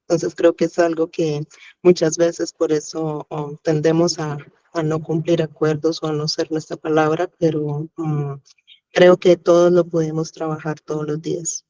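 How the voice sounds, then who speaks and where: A woman's voice: deep voice, level tone, normal speed, mellow, no echo, muffled recording. A woman with a Colombian Caribbean coast accent, sharing thoughts in a workshop, thoughtful and hesitant with fillers. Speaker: workshop participant.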